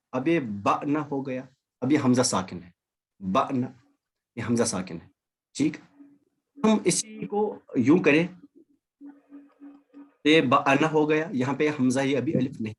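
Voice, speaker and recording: A man with a husky, medium-pitched voice teaches Arabic online by video call. He patiently repeats examples and drills them with his class.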